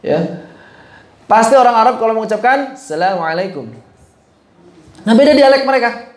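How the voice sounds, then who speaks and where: A man leads a recitation class in a casual, chatty tone, stopping often to ask his listeners questions. His voice sits high, and the room around him rings with noticeable echo. He moves easily between everyday talk and careful explanation. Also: steady tone, fairly quick. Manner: asks the class questions, mixes casual speech with chanted Arabic. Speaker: Quran recitation teacher. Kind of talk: informal religious lesson.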